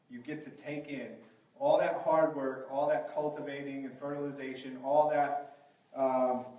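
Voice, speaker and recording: A man's voice: mid-range voice, mellow. A man preaching a sermon at a pulpit microphone, asking the congregation question after question. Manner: asks the congregation rhetorical questions. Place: large echoey church hall. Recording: very echoey, from a distance.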